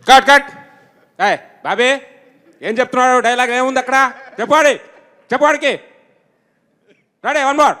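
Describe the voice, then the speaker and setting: A man's voice: very high-pitched, normal speed, pauses often, bright, forceful tone, in a large hall. A man putting on an impatient male film director who barks orders and scolds the crew on set. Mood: bossy shouting.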